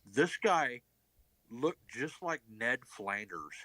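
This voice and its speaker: A man's voice: medium pitch, sing-song, slow pace, pushed and bright, no echo, rough recording. A man from Texas telling rambling, funny anecdotes in casual chat, laughing at his own stories. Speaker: guest friend.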